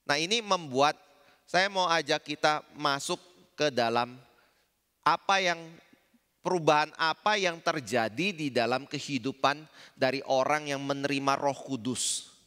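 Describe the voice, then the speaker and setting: An Indonesian pastor with a Javanese accent preaches conversationally, often posing questions to the congregation. His bright, smooth voice is a little high and unhurried, and a large church hall gives the sound a long reverb.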